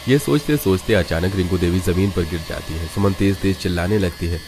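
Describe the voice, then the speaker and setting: A man's voice: low voice, a little fast, noisy background. A man narrating a scripted Hindi family drama in a plain storytelling delivery.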